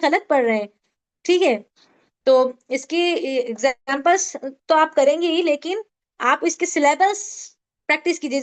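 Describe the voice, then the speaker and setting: Woman, recitation teacher, high voice, quizzing students, slow syllable drills. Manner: drills syllables slowly, asks students questions. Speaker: Tajweed teacher. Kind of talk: online class instruction.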